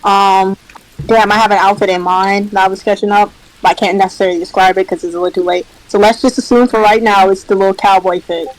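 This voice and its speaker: A man's voice: sits high, steady tone, fast talker, poor audio. A man playing in a tabletop game, joking and slangy in casual chat. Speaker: player.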